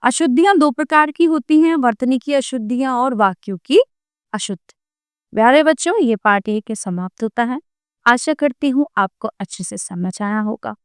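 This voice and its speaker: A woman's voice: fairly high pitch, moderate pace, smooth, no echo, studio quality. A woman teacher giving a lesson to children, reading word pairs aloud and repeating each word twice. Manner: addresses children warmly with set greetings. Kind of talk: classroom video lesson.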